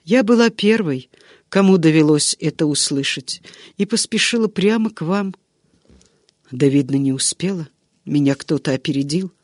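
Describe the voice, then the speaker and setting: A man's voice: on the high side, lively intonation, darkish tone, no echo, studio quality. A man doing a chatty old servant woman. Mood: garrulous. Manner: rambling, drawn-out storytelling. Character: chatty old female servant, long-winded and unhurried.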